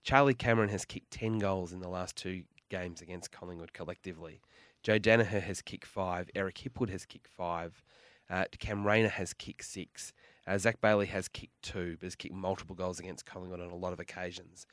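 Lower-pitched Australian man. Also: fairly even intonation, brisk, fairly bright tone, no echo, clean studio sound. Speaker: sports betting podcast panellist. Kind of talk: casual betting analysis.

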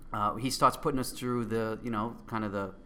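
A middle-aged man speaks with a Queens, New York accent and a bright, punchy voice. He tells his story casually and excitably, acting out what each person said as he goes. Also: lowish voice, normal speed. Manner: animated, excitable storytelling with acted-out quotes. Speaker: guest, company co-founder. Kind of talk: casual anecdote telling.

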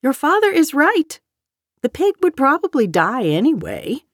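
Firm, expressive farm mother. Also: high voice, unhurried, dry recording, clean studio sound, full character voice. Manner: firm, matter-of-fact. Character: practical, matter-of-fact farm mother. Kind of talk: full-cast audiobook acting.

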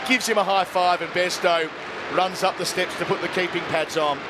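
Man, cricket commentator, high pitch, clipped live play-by-play, rising excitement, outdoor ground, heavy crowd noise. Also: normal speed. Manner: clipped descriptive phrases, rising to shouts at wickets. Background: loud cricket crowd.

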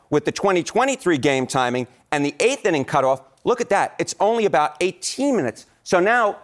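A man presenting data on a live morning news program, talking with bouncy enthusiasm. He checks in with "right?" as he goes, and his voice sits a little on the high side. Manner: quick, enthusiastic, often adds "right?". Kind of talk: explaining statistics on live TV.

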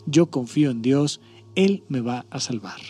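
A man's voice: medium pitch, expressive, a little slow, mellow, slightly rough, soft background music, pitched below the performer's own voice. Man doing a stubborn, insistent villager. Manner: insistent, dismissive refusals.

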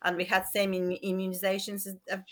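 A woman's voice: mid-range voice, completely flat delivery, fast talker, a bit bright, rough recording. Hesitant woman from Bulgaria, English. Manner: hesitant, unsure, non-native phrasing. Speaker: listener guest. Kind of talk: casual chat.

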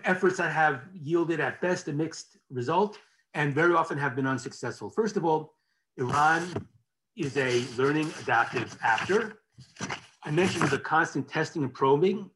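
A man's voice: a little high, fairly bright tone. A man giving a conversational policy lecture from slides, often restarting phrases and checking in with the audience.

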